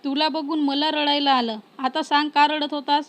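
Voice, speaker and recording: A woman reading the lines of a caring, tearful young woman in a storybook romance, softly and evenly. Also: high voice, little pitch movement, moderate pace.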